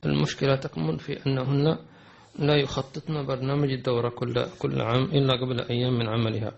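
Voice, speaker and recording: A man teaching a religious lesson, answering questions with measured advice, pausing on hesitant fillers and restarts. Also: mid-range voice, level tone, gravelly, a little mellow. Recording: dull lo-fi recording.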